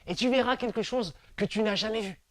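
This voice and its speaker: A man voicing a gentle old talking tree. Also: sits high, very animated, moderate pace, no room sound, studio quality. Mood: tender. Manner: soft, coaxing, fatherly. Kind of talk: storytelling.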